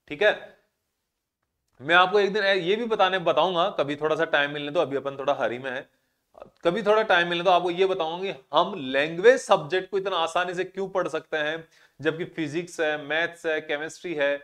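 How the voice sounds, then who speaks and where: A man's voice: a little high, fairly bright tone. A male physics teacher, giving a classroom lecture and explaining through rhetorical questions and everyday examples.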